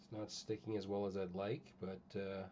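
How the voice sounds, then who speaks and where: A man's voice: sits low, level tone, normal speed, mellow, highs cut off, a little hiss or hum. A man with the hiccups, rambling casually to his chat while painting miniatures. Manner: rambling, distracted, talking to stream chat. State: has the hiccups. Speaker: channel host.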